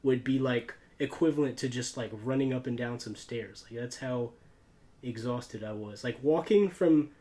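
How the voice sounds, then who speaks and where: A man's voice: medium pitch, normal speed, warm tone. An American man chatting casually and telling personal stories in a rambling, slangy way, peppered with like, dude and bro. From United States. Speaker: YouTuber, podcast host. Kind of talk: casual chat, personal storytelling.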